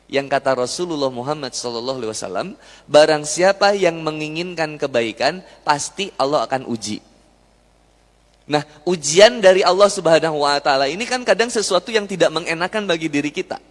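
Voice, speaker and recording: A man's voice: on the high side, animated, fairly quick. A young man, giving a chatty, jokey sermon and asking the crowd questions. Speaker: preacher. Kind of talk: lively sermon to a live audience. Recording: long hall reverb.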